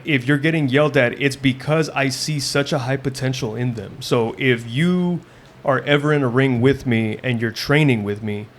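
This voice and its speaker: This is a man in a relaxed interview who talks in a blunt, intense way, the way a wrestling coach does. His pitch is ordinary for a man. He often stumbles and restarts mid-sentence before pressing on with his point. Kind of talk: casual interview chat.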